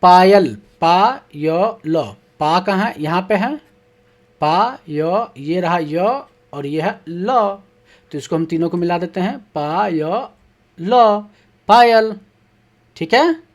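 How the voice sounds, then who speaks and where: A teacher walks young children through a textbook lesson at an unhurried pace. The voice sits in a middle pitch, reading each question aloud before answering it. Words are broken into syllables with patient care. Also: lively intonation. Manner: reads questions aloud, then answers them.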